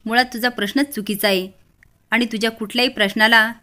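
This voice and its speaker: A woman reads as an arrogant young man who talks down sharply and dismissively. The voice stays a little high, in a storybook family drama. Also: steady tone, quick pace, bright, forceful tone.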